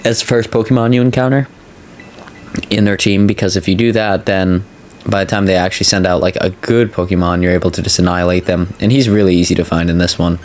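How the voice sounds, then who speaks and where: Low-voiced gamer guy, sore mouth after dental work. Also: flat delivery, fast talker, a little hiss or hum. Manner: talking carefully with a sore mouth after wisdom tooth removal. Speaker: video game let's player. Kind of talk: casual gameplay commentary. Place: indoor voice-over recording.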